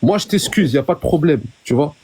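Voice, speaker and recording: A man's voice: a little high, animated, fast talker, a little mellow, a little hiss or hum. A man explaining himself as a guest in a casual live debate, insistently repeating words as he goes.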